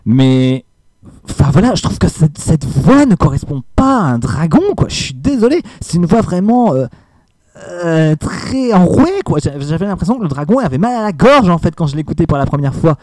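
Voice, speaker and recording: A man's voice: a little high, very animated, normal speed, a little mellow, no echo. A man giving a casual film review, hesitant with many fillers and emphatic asides.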